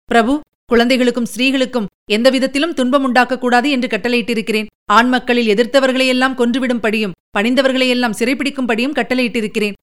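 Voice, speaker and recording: A woman's voice: fairly high pitch, fairly bright tone, smooth, natural voice. A woman voicing an earnest male army general in an audiobook, delivering pressing reports. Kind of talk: audiobook character reading.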